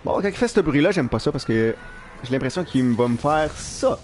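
A young man with a Quebec French accent giving live gameplay commentary in an animated, self-mocking way, swearing casually. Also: medium pitch, moderate pace, soft background music. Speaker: live streamer. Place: at work.

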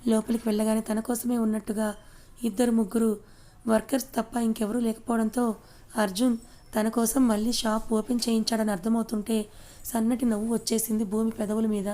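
A woman narrating a romance audio story as its storyteller, reading in an even, gentle way. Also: a little high, brisk.

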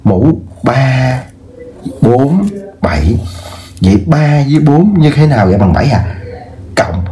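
A man teaching a casual video math lesson, often checking in with the viewers and slowing down to spell out numbers. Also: medium pitch, big pitch swings, dark tone.

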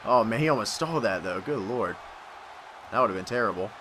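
A man hosting a gaming video, giving excitable let's-play commentary, yelling, laughing and trash-talking his opponent. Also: lowish voice, brisk, noisy background. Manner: laughs often.

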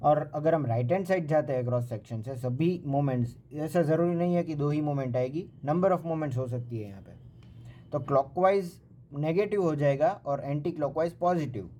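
A man's voice: on the high side, lively intonation, normal speed, mellow, slight background noise. A young Indian man giving an engineering lecture, explaining step by step with frequent fillers. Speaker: engineering teacher. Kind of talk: whiteboard-style lecture, mixing Hindi and English. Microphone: voice-over recorded over a handwritten sheet filmed from above.

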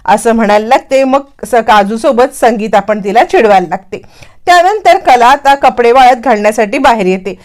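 A woman's voice: on the high side, normal speed. A woman casually retells a TV serial episode, acting out the characters' lines as she goes. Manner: lively storytelling, acting out characters' lines in quotes. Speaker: serial recap narrator.

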